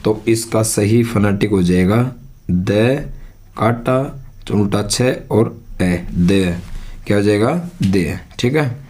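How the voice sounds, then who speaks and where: Man, teacher, lowish voice, repeats words, quizzes himself. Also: takes it slowly, darkish tone. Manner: repeats words, asks and answers own questions. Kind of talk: classroom lesson with board.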